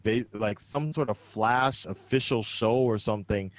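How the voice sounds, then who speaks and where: A man's voice: lowish voice, a little slow, dry recording. A man chatting as a guest creator on a livestream, rambling and repeating phrases as he works toward his point. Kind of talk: casual chat on a livestream.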